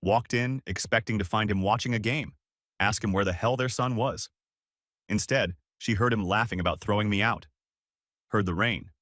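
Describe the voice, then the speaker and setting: Brief: young male narrator, low voice, measured delivery, dry close recording. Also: a bit bright, no room sound. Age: young adult. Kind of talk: scripted first-person story narration.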